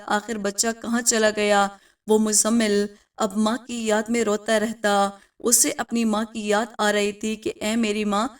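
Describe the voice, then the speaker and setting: A woman's voice: medium pitch, far from the mic. Woman narrating an emotional moral story.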